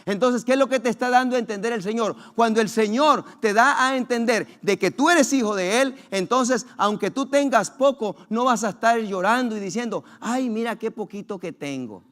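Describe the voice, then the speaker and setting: A man's voice: extremely high pitch, normal speed, few pauses, fairly bright tone. A man preaching a sermon with fervor, asking rhetorical questions and acting out scripture quotes. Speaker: pastor.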